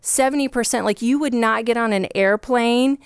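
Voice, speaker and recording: As a podcast guest, an earnest divorce coach with a Virginia Southern accent talks passionately in long run-on explanations. Her voice sits on the high side at normal speed, smooth, on a dry, clean studio recording.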